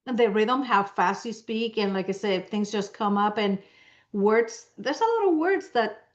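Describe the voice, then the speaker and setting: A woman's voice: medium pitch, expressive, unhurried. A woman from Spain, interviewing in casual chat, rambling and enthusiastic. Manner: rambling, enthusiastic, restarts often. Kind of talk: casual conversation. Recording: slightly dull lo-fi sound.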